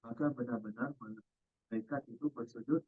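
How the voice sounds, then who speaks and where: A man's voice: mid-range voice, steady tone, moderate pace, husky, no echo. A man, a student in an online class, reading examples and answers aloud carefully. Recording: tinny phone-like call audio.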